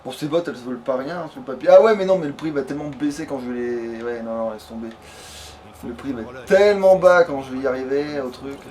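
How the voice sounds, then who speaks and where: A let's player talks casually and swears as he plays, often muttering to himself. His voice sits in the mid range, a little mellow, and he speaks at a quick pace. The background is clearly noisy.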